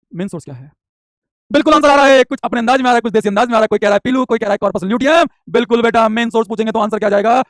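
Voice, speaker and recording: Male biology tutor, very fast, energetic drill-style lecturing, dry close mic. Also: high voice, dry recording. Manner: energetic, repetitive drilling, calls students beta. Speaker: biology teacher. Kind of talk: live online exam-prep lecture.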